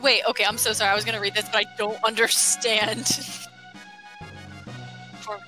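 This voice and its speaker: A woman's voice: a little high, flat delivery, a little slow, pushed and bright, faint music behind. A woman chatting casually and playfully during a game session, often breaking into laughter.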